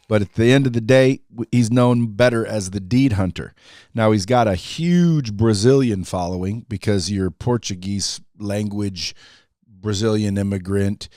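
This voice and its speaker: A man's voice: lowish voice, darkish tone, no room sound, studio quality. A man hosting a casual podcast, brash and hyped, swearing casually as he talks up his guest. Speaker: podcast host.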